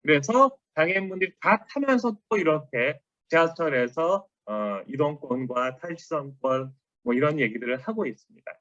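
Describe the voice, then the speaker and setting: A middle-aged man giving a conversational lecture, often quoting others and stressing words with lively emphasis. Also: on the high side, moderate pace, no room sound. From South Korea. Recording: dry, dull lo-fi audio.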